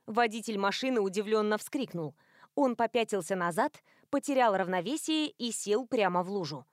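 Here a woman gives a spirited, expressive scripted reading of a novel as an audiobook narrator. Her pitch is medium and her pace moderate, and the studio-quality recording is dry.

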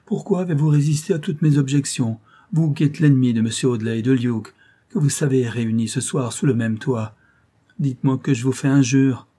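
A man's voice: mid-range voice, moderate pace, dark tone, slightly rough, close to an everyday voice. A man voicing a terrified young female servant who pleads and sobs in broken outcries, reading a classic novel aloud. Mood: pleading. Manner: sobbing, beseeching, breathless outcries.

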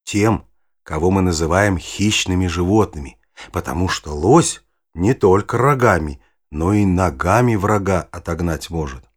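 For an audio play, an actor gives voice to an elderly grandfather with a naturalist's knowledge, speaking huskily and deeply. Unhurried, he lays things out patiently and explanatorily.

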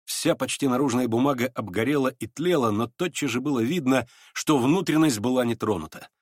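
A man narrating an audiobook of a classic novel in a dramatic, expressive reading. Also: mid-range voice, a little fast, dry recording, clean studio sound. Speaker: audiobook reader.

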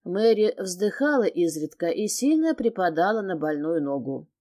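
A woman narrating an audiobook in a measured storytelling manner. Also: on the low side, lively intonation, mellow.

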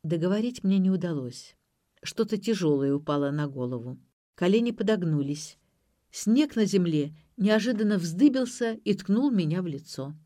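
A woman reading a novel aloud in the first person, with even, measured storytelling. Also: fairly low pitch, dry recording, studio quality. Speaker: audiobook reader.

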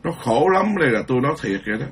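A Buddhist monk rambles through an informal, conversational dharma talk, tripping over repeated words. His male voice is medium-pitched, husky, very animated, and racing.

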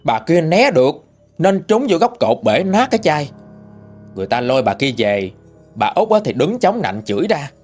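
A man's voice: on the high side, big pitch swings, normal speed, a little mellow, faint music behind. A man with a Southern Vietnamese accent narrating a ghost story in a chatty, colloquial folk style.

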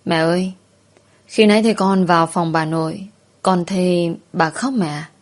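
A woman's voice: fairly low pitch, steady tone, normal speed, natural voice. A woman voicing a cheerful little girl who chats sweetly with her mother. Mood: sweet chatter.

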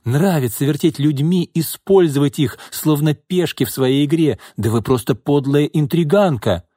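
A man's voice: on the high side, mellow, no echo, clean studio sound, voice pushed up, close to an everyday voice. A man voicing a bitter, accusing young secretary. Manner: bitter, accusing, slow and emphatic. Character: distraught, wronged female secretary, young adult.

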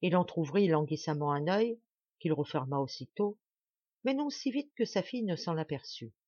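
A woman narrating a classic novel as an audiobook in a measured, expressive reading. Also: deep voice, husky, no room sound, lo-fi sound. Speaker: audiobook reader.

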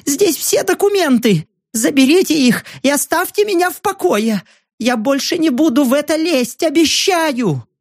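In an audiobook, a man plays a fat, cowardly journalist who squeals and stammers. His voice sits far above the reader's own, thin and pinched, and swings wildly in pitch. The recording is close and dry. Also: very animated, slow pace, no room sound, full character voice. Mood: terrified. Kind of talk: audiobook narration.

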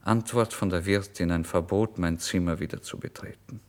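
A man with a low-pitched, natural voice, steady in tone and moderate in pace, acts the part of a broke, emotional writer telling of his misery as a first-person narrator. This is a German radio drama reading, brooding and tense, performed theatrically and intensely, shifting from hushed lines to exclamations.

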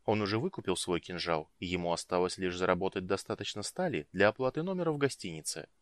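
A man reading a fantasy audiobook as narrator, in an expressive, measured manner. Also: low voice, no room sound. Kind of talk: scripted narration.

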